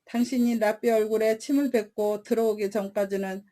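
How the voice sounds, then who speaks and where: A woman's voice: mid-range voice, fairly even intonation, brisk, dark tone, natural voice. A woman voicing a stern, angry husband in a bedtime story, speaking in a harsh, demanding manner.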